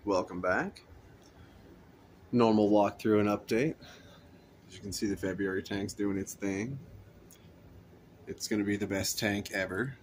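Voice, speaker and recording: Low-voiced man touring his fish tanks. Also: fairly even intonation, measured pace, pauses often, a little hiss or hum. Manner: rambling, easygoing, talks to the fish. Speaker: aquarium hobbyist vlogger. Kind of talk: casual tank walkthrough. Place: indoor fish room with rows of tanks. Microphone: handheld phone camera.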